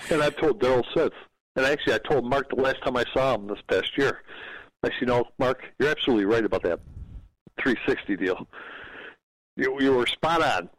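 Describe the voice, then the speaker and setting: A former race car driver, a man, telling racing stories in a relaxed, anecdotal way as a guest on a talk show. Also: mid-range voice, brisk, dry recording, low-quality recording. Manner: relaxed anecdotal storyteller who acts out dialogue. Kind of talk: casual interview storytelling.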